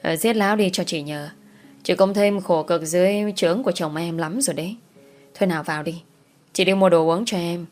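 A woman's voice: on the low side, fairly quick, darkish tone, soft background music, close to an everyday voice. A woman voicing a flustered, soothing female secretary who talks hesitantly with fillers.

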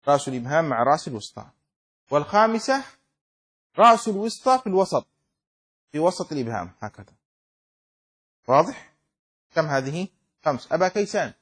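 Middle-aged guy teaching a room full of students, kinda husky voice sitting a bit high, keeps checking everyone gets it. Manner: keeps checking students understand, asks questions. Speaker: teacher of Islamic law. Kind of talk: classroom lesson explaining a text. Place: classroom with students.

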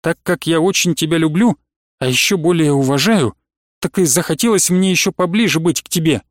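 A man's voice: a little high, brisk, no echo, clean studio sound, close to an everyday voice. A man voicing an eager young suitor. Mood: pleading. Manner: excited, pleading, blurting.

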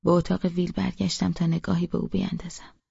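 A woman reading a novel aloud in first person, in a hushed, half-whispered voice. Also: fairly low pitch, level tone, vocal fry, slightly rough, no room sound, lo-fi sound. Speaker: audiobook narrator.

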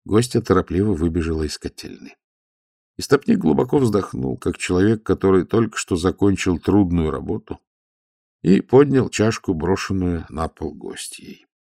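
A man reading a story aloud in steady scripted narration. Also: sits low, moderate pace, creaky, no room sound, clean studio sound. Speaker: audiobook narrator.

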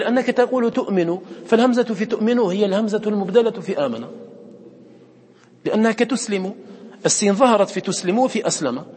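A man's voice: high-pitched, a little mellow, husky, in a large hall. A man teaching a class on recitation, repeating words aloud and quizzing his students with questions.

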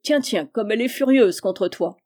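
A rowdy, sarcastic seafaring man, quick to laugh and full of boastful mockery, put on by a woman narrating a storybook. The voice is mellow underneath but pushed higher and louder for him. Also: lively intonation. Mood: teasing. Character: boisterous, mocking male island sailor.

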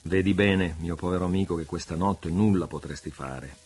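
A man's voice: sits low, normal speed, slightly rough, soft background music. A man reading aloud and voicing a wisecracking Portuguese pirate who coaxes and teases his friend. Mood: reasoning. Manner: teasing, coaxing, lively. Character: wisecracking Portuguese pirate, loyal older-brother type.

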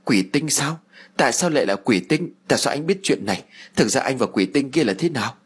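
A man's voice: medium pitch, animated, a little fast, husky, pitched above the performer's own voice. A man voicing a grieving young mother who speaks in a pleading, tearful way. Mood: alarmed.

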